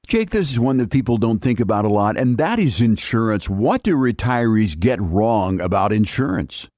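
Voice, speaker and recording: A low-voiced man hosting a radio talk show, his pitch swinging widely as he delivers questions and promo copy smoothly. The studio sound is dry and close, with no room around it. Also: very animated, moderate pace, a little mellow, no room sound.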